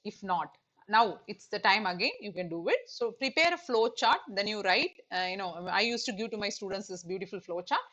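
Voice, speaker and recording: A woman's voice: medium pitch, animated, fairly quick, bright, forceful tone. A middle-aged woman teaching an online exam-prep lecture, explaining with many fillers and repeated "okay".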